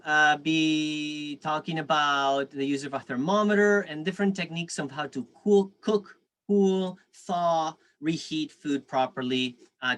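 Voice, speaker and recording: A man's voice: a little high, fairly bright tone. Spanish-accented man teaching an online workshop. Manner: friendly, reads chat aloud, frequent fillers. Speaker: food safety workshop instructor.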